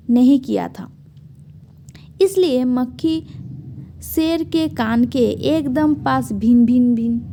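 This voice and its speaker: Slow, soft-voiced woman teacher retelling a story. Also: high voice. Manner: reads a line, then explains it in simple everyday words. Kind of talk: reading a story aloud and retelling it for children.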